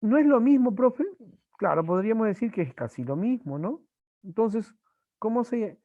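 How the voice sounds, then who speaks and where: A male teacher from Peru giving an online language class, slowly repeating examples and his students' answers. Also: high voice, expressive, dry recording, narrow, tinny audio.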